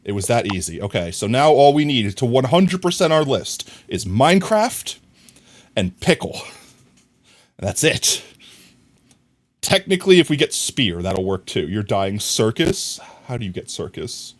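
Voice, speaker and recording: Streaming a crafting game live, a man chats with his audience and thinks out loud, a little slowly, breaking into sudden excited high yelps now and then.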